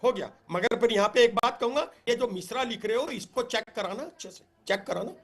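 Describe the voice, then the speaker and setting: A man's voice: very high voice, a little fast. A man taking part as a panelist in a heated TV news debate, taunting his opponent and repeating jibes.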